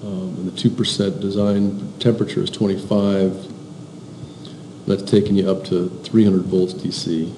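A man's voice: deep voice, little pitch movement, normal speed, mellow. A male instructor giving a classroom lecture, explaining slides and often repeating words as he goes. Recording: roomy classroom with faint hiss.

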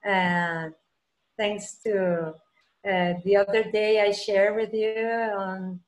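Presenting at an online roundtable from home, a middle-aged trauma clinician from Peru speaks in a mid-range voice with flat delivery, halting often with restarts and fillers. The audio comes through her laptop webcam on a video call, with the room echoing.

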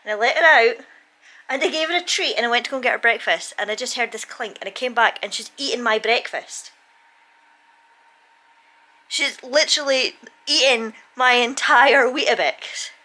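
A woman's voice: fairly high pitch, normal speed, bright, forceful tone. A woman in her thirties with a British accent, chatting casually to a handheld camera at home. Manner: chatty and rambling, scolding her dog playfully. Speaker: vlogger. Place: home kitchen and living room. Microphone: handheld camera at arm's length.

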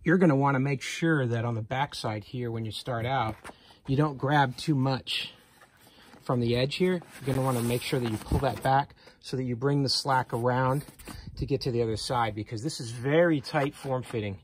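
Working outdoors next to a vehicle, a man hosts a casual how-to video on his channel, filmed on a handheld phone. He explains each step plainly and in a relaxed way, with a mid-range voice at a moderate pace. A little hiss or hum is audible.

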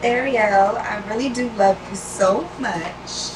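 A young woman in a small wooden cabin, gushing excitedly while reading little notes aloud. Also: on the high side, slow pace. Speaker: girlfriend receiving a promise ring. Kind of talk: casual vlog chat. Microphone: camera mic from across the room. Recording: distant, noisy cabin recording.

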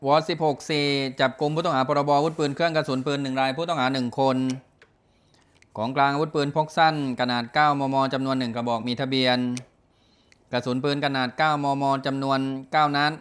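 Guy doing police dispatch read-backs, smooth clear voice, formal and procedural, item by item. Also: medium pitch, steady tone, fairly quick, a bit bright. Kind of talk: formal police radio report read-back.

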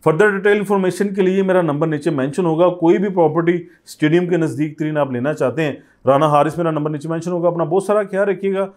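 A man in his thirties with a Pakistani Urdu accent, a real estate agent giving a persuasive sales pitch to camera in an office studio on a lapel mic. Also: fast, few pauses, darkish tone. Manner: persuasive, urging viewers to buy. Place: office studio set, indoors.

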